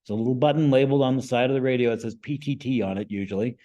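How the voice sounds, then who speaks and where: With a rapid-fire, mid-range, dark-toned voice in a muffled recording, an American man presents informally to a group as an amateur radio instructor. He keeps it conversational, frequently checking in with brief questions.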